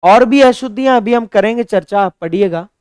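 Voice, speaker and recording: A man teaching a Hindi grammar lesson for exam preparation. He reads example sentences slowly, then corrects them emphatically. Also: high-pitched, darkish tone, smooth, dry recording, clean studio sound. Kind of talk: exam-prep grammar lecture.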